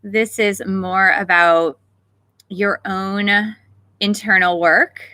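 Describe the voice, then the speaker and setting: Woman, meditation teacher, livestream talk, bright tone, dry close webcam sound, soft and unhurried. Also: mid-range voice, steady tone, dry recording. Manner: gentle, unhurried, greets chat viewers by name. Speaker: meditation teacher and channel host.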